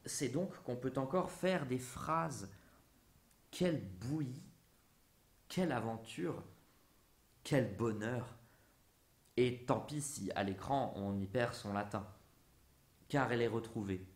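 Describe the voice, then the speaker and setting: A man's voice: medium pitch, takes it slowly, pauses often. A man reading a literary essay aloud in a musing, theatrical way. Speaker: narrator. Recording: roomy echo.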